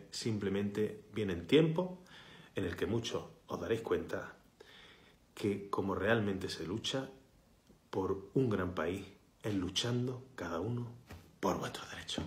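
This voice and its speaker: A male healthcare worker makes a fiery, emphatic protest appeal straight into his phone camera held at arm's length, his voice sitting low and sometimes dropping to a whisper for stress. He is in a small, echoey indoor room with a bright window behind him.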